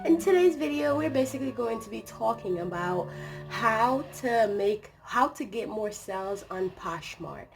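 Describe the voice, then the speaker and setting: A woman hosting her own vlog while hoarse from a cold, her voice raspy, talking in a rambling, chatty way full of fillers in a room at home. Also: a little high, lively intonation, normal speed. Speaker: channel host. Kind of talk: casual vlog chat. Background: soft music playing.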